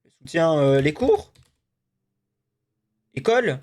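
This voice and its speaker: A man's voice: on the high side, big pitch swings, slow pace, darkish tone. Chatty young man hosting a live stream. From Basque Country, France. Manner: chatty, swears, talks to co-host while playing. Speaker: stream host. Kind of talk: casual live-stream chat.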